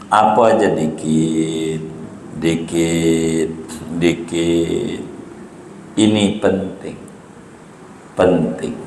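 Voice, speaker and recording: Slow-spoken preacher in an echoing mosque. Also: male voice, on the low side, slight background noise. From Banten, Indonesia. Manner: repetitive, humorous, lively preaching. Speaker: Islamic preacher. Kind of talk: mosque sermon. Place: mosque hall. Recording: echoey hall, faint ambience.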